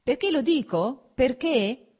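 Woman reader playing a rigid, icy husband; shrill, harsh, formal. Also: expressive, moderate pace, close to an everyday voice. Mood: shrill anger. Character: cold stern middle-aged husband, shrill when angry.

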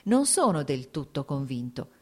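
A woman's voice: rumbling low, very animated, normal speed, dark tone, breathy edge, exaggerated voice. A woman voicing an earnest, brooding male landowner who argues his point in an audiobook reading. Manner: earnest, argumentative.

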